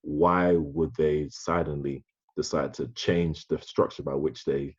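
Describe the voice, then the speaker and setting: A man's voice: rumbling low, steady tone, unhurried, slightly rough, muffled recording. A man hosting a podcast, talking in a thoughtful way and often restarting his sentences. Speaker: podcast host. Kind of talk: conversational podcast discussion.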